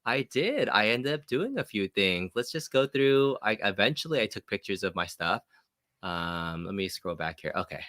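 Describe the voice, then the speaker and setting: A man's voice: on the low side, animated, moderate pace, fairly bright tone, no room sound, studio quality. A man hosting a casual livestream chat, talking loosely with fillers and restarts. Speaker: host.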